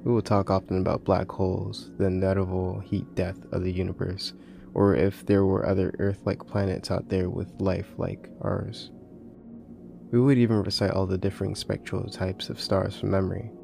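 A man with a low, gravelly voice narrates horror stories in an even, restrained line. He records at home inside a closet, so the sound is a little muffled, with music faintly underneath. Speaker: horror story narrator and host. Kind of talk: scripted horror story narration.

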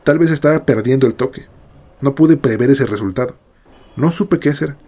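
A man narrating a first-person horror story in a measured, dramatic way. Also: mid-range voice, warm tone.

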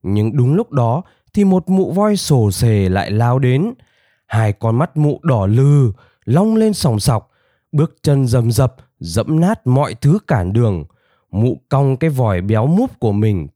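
Lively storybook narrator man. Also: medium pitch, no room sound, studio quality. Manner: expressive, dramatic storytelling.

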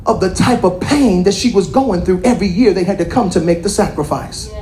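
A woman preaching a sermon, teasing and calling out to the congregation, swinging between shouted lines and quiet asides. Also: medium pitch, a little fast, reverberant. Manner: lively, calls out and teases the congregation.

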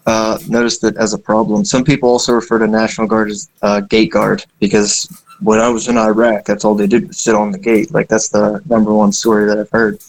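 Flat-voiced young man, rambling casually. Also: lowish voice, brisk, a little hiss or hum, rough recording. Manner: rambling, self-deprecating, frequent fillers. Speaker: indie game developer, interview guest. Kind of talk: casual conversation.

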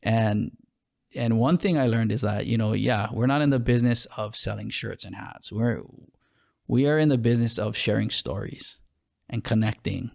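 Hawaiian man in his thirties, creaky-voiced, halting podcast talk. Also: on the low side, darkish tone. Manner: halting, many restarts and fillers. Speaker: podcast co-host, clothing brand owner. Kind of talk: casual podcast chat.

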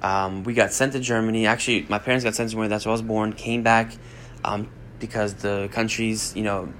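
A man's voice: on the low side, little pitch movement, brisk, fairly bright tone, slight background noise. A young man hosting a podcast, talking in a blunt, rambling, motivational way and swearing freely. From United States. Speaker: podcast host. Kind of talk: casual motivational monologue.

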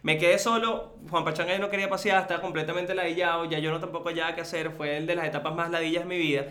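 A young Venezuelan man with a Venezuelan Spanish accent, co-hosting a casual chat, talking rapidly with animated, joking exasperation. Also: fairly high pitch, roomy sound.

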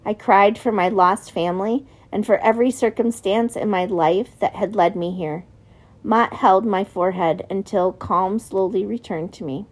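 A woman's voice: medium pitch, moderate pace. A woman reading a novel aloud as an audiobook narrator, giving the characters slight shifts in voice.

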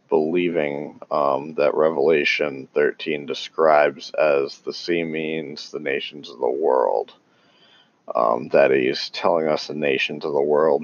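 Very deep, gravelly, slow-talking man. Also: lo-fi sound. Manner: halting, many ums and restarts; calls himself tongue-tied. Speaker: religious commentator. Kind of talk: casual unscripted talk on scripture.

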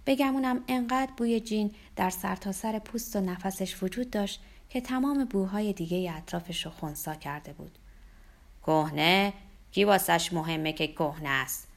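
A woman's voice: medium pitch, animated, a little mellow. Woman reading a bitter confessional memoir. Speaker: audiobook narrator. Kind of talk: scripted first-person narration.

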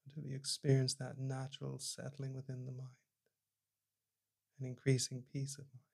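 Guiding listeners inward, a male meditation teacher speaks calmly and softly at a normal speed. His pitch stays remarkably level and even, dropping into a gravelly fry at the bottom of his range, and each phrase fades quietly as the instruction settles.

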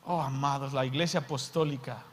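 A man from Mexico with a Mexican accent, preaching a sermon in a dramatic way that acts out the scenes, with sudden jumps in loudness. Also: mid-range voice, steady tone, a little fast. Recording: long reverb of a large hall.

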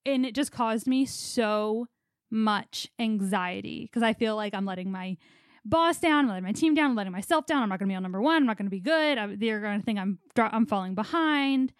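This young co-host of a casual podcast has a clear, resonant, mid-range voice and talks a little fast. She rambles at length in a chatty, anxious storytelling style, and the studio-quality recording is dry.

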